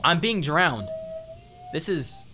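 A young man playing a horror game and commenting, loud and excitable, joking and yelling at scares. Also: a little high, slow pace, heavy background noise. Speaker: gaming YouTuber. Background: game music.

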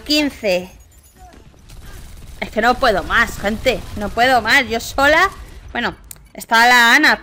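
Young woman, Spanish accent, bright voice, excitable gameplay commentary, shrieks and laughs. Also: on the high side. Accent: Spanish from Spain. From Spain. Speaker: gaming YouTuber.

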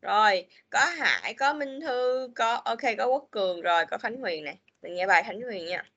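A woman's voice: mid-range voice, lively intonation, moderate pace, a bit bright, dull audio. A woman teaching an online English class to children over a video call, chatty and repeating little fillers. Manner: chatty, repeats "rồi", mixes English words into Vietnamese.

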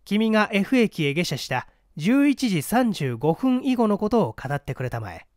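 A man reads a mystery aloud dramatically in storybook style, voicing a shrewd, condescending scholar-detective who lectures methodically and somewhat pompously. His voice is pushed up to sit high, sing-song at normal speed, recorded dry with clean studio sound.

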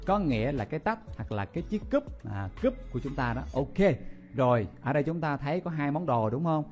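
A man's voice: a little high, brisk, soft background music. Playful male teacher. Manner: lively, playful, exclaiming and repeating words. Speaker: English vocabulary teacher. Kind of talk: memory-palace vocabulary lesson.

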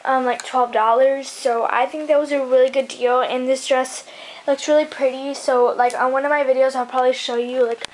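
A young woman with a high, light voice chats through her favourite products in a loose, rambling way. She keeps restarting sentences and filling gaps with fillers. A faint hiss sits under the recording. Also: level tone, normal speed, rough recording. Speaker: beauty vlogger. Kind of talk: casual chat.

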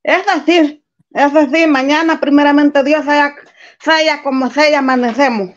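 A woman's voice: high voice, steady tone, moderate pace, muffled recording. A woman calling into a live stream, earnest as she tells a personal story. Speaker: guest caller. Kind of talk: casual chat on a live stream.

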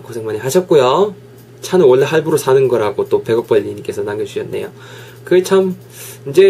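A young man teaching an English phrase in a video lesson, slowing right down to drill each sentence. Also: medium pitch, mellow, husky.

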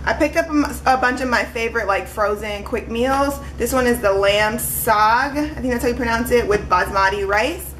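Chatting casually for a webcam vlog, a woman in her twenties stands in her home kitchen showing off groceries one by one. She speaks on the high side at normal speed with few pauses, and there is background noise.

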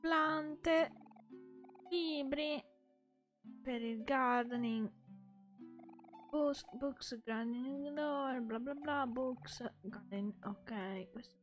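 Playful high-voiced Italian woman streamer. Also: extremely slow, long pauses, muffled recording, soft background music. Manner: playful, chatty, laughs often, reads game dialogue aloud. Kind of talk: casual live gameplay chat.

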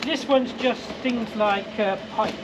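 A man in his sixties who vlogs about boat building chats casually, explaining each job as he works outdoors in a boatyard and inside a barge being refitted. His voice is very high and unhurried, with background noise.

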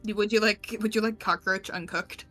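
A woman joins a gaming stream as a guest, chatting in a relaxed way with dry little asides. Her voice is bright and crisp, sitting at a middle pitch. Faint game music plays underneath. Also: moderate pace. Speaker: guest co-player. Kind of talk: casual gaming chat.

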